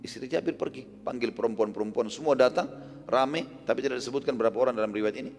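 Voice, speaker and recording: A man's voice: medium pitch, fast. Man preaching in a reverberant hall. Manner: colloquial and explanatory, with casual fillers; acts out quoted speech with raised voice. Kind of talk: sermon storytelling.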